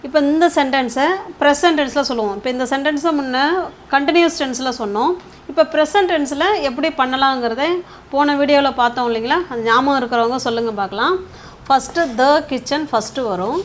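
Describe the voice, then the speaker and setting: A woman's voice: high voice, a little fast, a little hiss or hum. A woman, teaching English grammar in a patient lesson style. She often checks in with "okay?" and stretches words out while writing.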